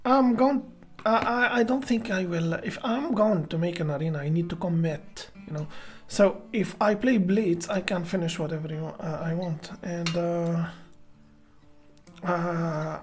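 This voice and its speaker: A woman with a fairly low voice streams a chess game live, greeting her chat by name as she plays. She talks through her moves in a hesitant, halting way, starting sentences over as she thinks. Soft music plays faintly under her voice. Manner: thinks aloud hesitantly with many fillers and restarts.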